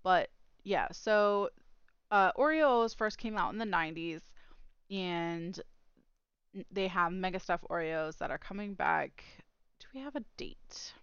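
A woman's voice: fairly low pitch, measured pace, fairly bright tone, clear, resonant tone, no echo, muffled recording. A woman co-hosting a podcast in casual chat, rambling and trailing off into fillers. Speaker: podcast co-host.

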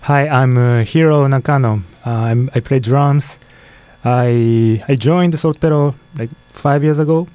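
Hesitant man drummer, mellow and dry. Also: mid-range voice, measured pace, dry recording. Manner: hesitant, many fillers. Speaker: drummer, guest. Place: radio studio.

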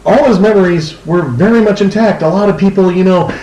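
Man, casual podcast chat, slightly high voice, halting with fillers, echoey room. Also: warm tone. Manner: halting, many fillers and restarts. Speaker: podcast co-host.

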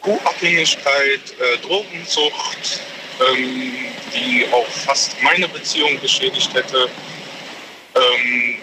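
A man from Aachen calling in to a radio show on a hands-free speakerphone with street noise around him, talking haltingly with many fillers. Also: medium pitch. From Aachen, Germany. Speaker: caller.

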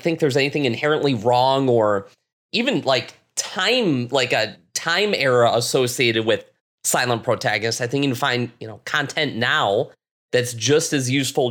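A man co-hosting a casual podcast, talking in animated rants with frequent restarts. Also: medium pitch. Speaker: podcast co-host.

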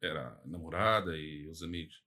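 A man's voice: rumbling low, fairly quick, pushed and bright. A man with a Lisbon-area Portuguese accent, a rapper co-hosting a casual podcast, who stammers, swears freely and tells stories with animation.

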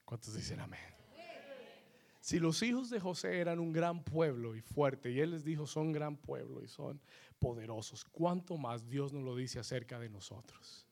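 A man preaching a sermon with call-and-response, switching between two languages and rising to shouts. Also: medium pitch, expressive, creaky. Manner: slow, emphatic phrasing. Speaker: pastor. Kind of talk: bilingual sermon.

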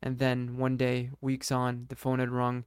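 A male storyteller reading a scripted tale at a steady, even pace. His voice is smooth and clear, with almost no melodic movement. The sound is close and dry. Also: mid-range voice, a little slow, no echo. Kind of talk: scripted narration.

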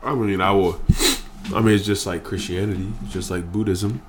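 A man's voice: sits low, fairly even intonation, moderate pace, heavy background noise. A man, a podcast guest, talking earnestly and emphatically, stressing points by repeating phrases, still emotional after crying. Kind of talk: emotional candid conversation.

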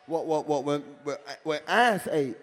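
A man's voice: a little high, animated, unhurried, fairly bright tone. A man with a London roadman accent doing rowdy, repetitive comic banter on stage, full of street slang. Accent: London, urban street slang. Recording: echoey hall, long reverb.

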